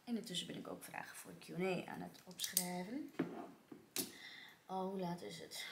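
A young woman vlogs casually from her office, telling a story full of fillers and sometimes dropping to a whisper. Her voice is fairly low-pitched, with slight background noise.

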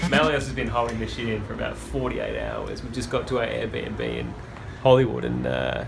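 Man, vlog narrator, gravelly, teasing, loud music behind. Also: lowish voice, lively intonation, normal speed. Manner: teasing, mocking his friend. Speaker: vlogger. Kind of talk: casual travel vlog narration.

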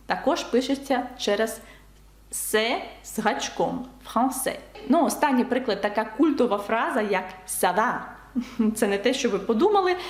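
A woman teaching French in an online lesson, patiently explaining spelling and repeating example words slowly. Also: on the high side, roomy sound.

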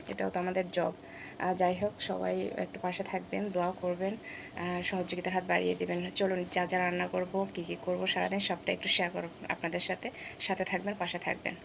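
A woman vlogging casually from her home kitchen, speaking softly and slowly because of a sore, hoarse throat. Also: lowish voice, monotone, noisy background. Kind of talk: casual vlog narration.

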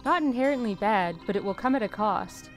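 Woman playing a calm, solemn cult leader. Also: mid-range voice, lightly acted. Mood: calm, grave. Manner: measured, solemn, formal. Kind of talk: reading game dialogue in character. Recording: music behind the voice.

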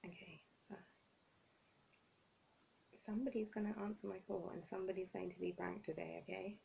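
A woman's voice: medium pitch, steady tone, quick pace, gravelly, dark tone, a little hiss or hum, rough recording. A young woman chatting casually in a vlog, self-mocking and flustered. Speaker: vlogger.

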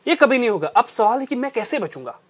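A man's voice: extremely high pitch, very animated, fast talker. A man teaching a stock trading strategy over a chart, stressing and repeating his key points. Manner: emphatic, repeats key phrases. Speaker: trading instructor.

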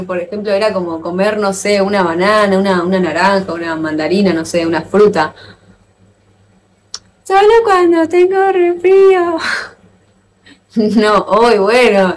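A woman with an Argentine accent chatting casually with viewers on a live stream, playful and quick to exclaim and laugh. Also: mid-range voice, slight background noise. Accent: Argentine Spanish. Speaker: livestreamer.

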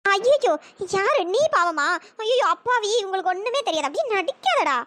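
A woman voicing a sharp-tongued, teasing young wife in a cartoon. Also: big pitch swings, normal speed, dry recording, full character voice. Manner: teasing, snappy. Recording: pitch-shifted cartoon voice with background noise.

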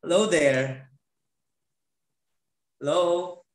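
A woman co-hosting an online show over a video call, asking guests questions in a friendly, halting way with many ums. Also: lowish voice, reverberant, noisy background. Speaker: co-host.

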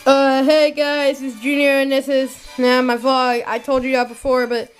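A woman voicing an excitable young turtle prince who rambles and stammers while filming his own vlog. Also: sits high, moderate pace, soft background music, natural voice. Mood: cheerful. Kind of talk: comedy toy-show vlog.

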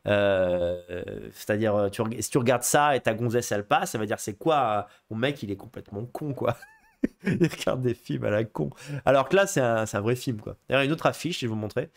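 A male film host talking off the cuff on a live stream, wandering from point to point with plenty of "euh" and false starts. He gets excitable and swears casually as he goes. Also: medium pitch. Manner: rambling, many fillers and restarts. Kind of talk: casual live chat about films.

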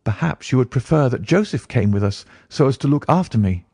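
A man's voice: mid-range voice, animated, a little fast, darkish tone, no echo, pitched above the performer's own voice. Sickly eager young client dude, man putting it on, polite, dry close sound. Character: weak, eager young male client recovering from illness.

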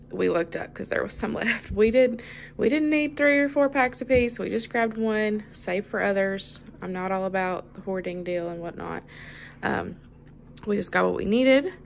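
Woman, Southern US accent, casual to-camera chat, says y'all, gravelly edge, faint background hiss. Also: medium pitch, poor audio. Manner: chatty, says y'all often. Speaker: vlogger showing a grocery haul. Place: home kitchen, at a table.

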